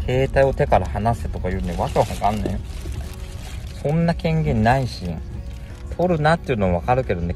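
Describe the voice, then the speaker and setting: Guy streaming on his phone out shopping, chatty and grumbly, swoops around a lot, loud music behind. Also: medium pitch. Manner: chatty, grumbling, rough casual speech. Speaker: live streamer. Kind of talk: casual live-stream chat. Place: shopping street and store, outdoors and indoors. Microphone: handheld phone.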